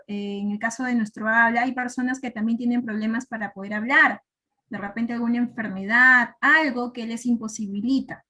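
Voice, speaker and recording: Higher-pitched woman teacher explaining patiently. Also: fairly bright tone. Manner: patient, checks understanding with frequent tag questions. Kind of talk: classroom explanation.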